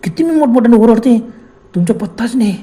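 A man voicing a frightened young wife stranded on a dark night road, speaking in an urgent, pleading way in a storybook horror tale. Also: very high-pitched, lively intonation, quick pace.

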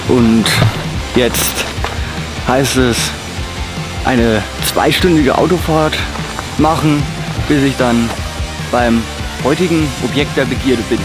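Slow-talking young man outdoors with music. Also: medium pitch. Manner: relaxed, chuckles between remarks. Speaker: travel vlogger. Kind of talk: casual travel vlog. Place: outdoors by a car and in woods. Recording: background music under the voice.

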